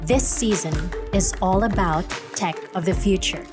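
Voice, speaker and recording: A female voice-over reads a short promo that opens a tech podcast. Her voice sits at a middling pitch, and an upbeat music bed plays clearly behind her. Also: measured pace. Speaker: show intro announcer.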